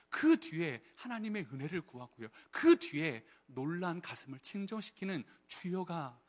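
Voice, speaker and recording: Lively, high-voiced male preacher. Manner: lively preaching with questions to the congregation. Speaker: pastor. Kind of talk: sermon.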